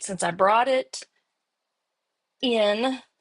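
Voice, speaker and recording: A woman's voice: a little high, drawn-out words. A woman with a Texas accent hosting a casual card-making demo, chatting and thinking aloud as she works. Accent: Texan. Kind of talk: casual live crafting demo.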